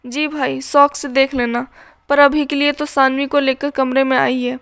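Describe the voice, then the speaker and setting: A woman's voice: high voice, little pitch movement, normal speed, gravelly, a bit bright. A woman voicing a mischievous younger sister in a storybook reading, who speaks in a coaxing, teasing way.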